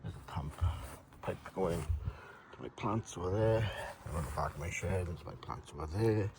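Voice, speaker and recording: Very deep, gravelly man, noisy recording. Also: normal speed. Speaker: hobbyist demonstrating a homemade gadget. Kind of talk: casual hands-on demonstration commentary. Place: shed and garden, partly outdoors.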